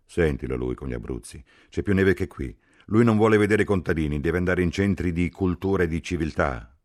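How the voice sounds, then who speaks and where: A man voicing a boisterous army captain who teases loudly and speaks in slow, broken phrases. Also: sits low, lightly acted. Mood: jovial. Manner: loud, teasing, slow broken speech.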